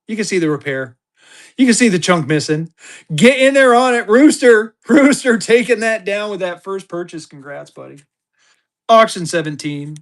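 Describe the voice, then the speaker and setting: Hosting a live streamed auction of banknotes, a weary man pushes bids in rapid bursts and speaks of himself in the third person. His voice sits high and is expressive.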